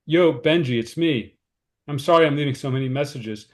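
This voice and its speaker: At an informal screenplay table read with naturalistic dialogue, a man plays David, a harried, considerate cousin who is earnest, anxious, and a little fretful yet upbeat. His fairly high voice moves at a moderate pace and sounds close to everyday speech.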